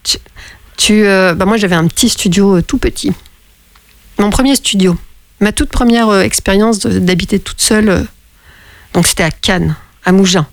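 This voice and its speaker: A woman's voice: mid-range voice, moderate pace, long pauses, dry recording. A middle-aged woman, hosting a radio show and chatting casually on the phone, with lots of restarts. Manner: chatty, laughing, many restarts. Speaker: radio host. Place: radio studio.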